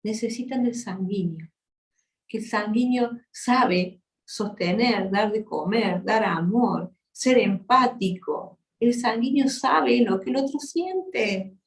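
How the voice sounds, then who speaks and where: A woman's voice: on the high side, slow pace. A woman, preaching to a women's church gathering with passion and tenderness and sudden shifts in volume. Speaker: guest speaker at a women's church meeting. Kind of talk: sermon. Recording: echoey hall.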